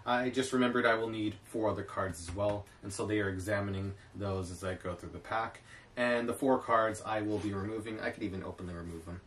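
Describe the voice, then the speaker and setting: A man performing a card trick as a magician, talking through it to camera with theatrical, drawn-out showman phrasing. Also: on the low side. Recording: distant mic, clear background noise.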